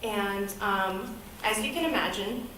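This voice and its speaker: A woman's voice: medium pitch, takes it slowly, recorded from a distance, noisy background. A woman in her thirties from the United States, giving a candid, conversational personal talk as a guest presenter at a podium. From United States, grew up in Boston. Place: event hall, speaking at a podium. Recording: very echoey hall.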